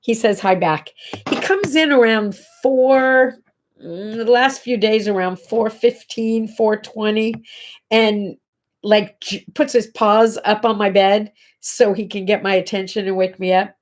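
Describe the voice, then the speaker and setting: Speaking a little slowly in a mid-range voice, a middle-aged woman hosts a relaxed morning livestream chat from her bedroom at home. She sounds congested and nasal as she talks straight to her viewers.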